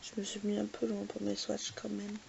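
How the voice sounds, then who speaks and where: A woman's voice: mid-range voice, monotone, creaky, a little mellow, slightly rough, lo-fi sound. A woman hosting a casual makeup swatch vlog, talking hesitantly with many filler sounds and repeated little asides, joking about her own pronunciation. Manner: hesitant, fills pauses with "euh" and repeated "voilà"; jokes self-mockingly about her English pronunciation. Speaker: beauty vlogger host.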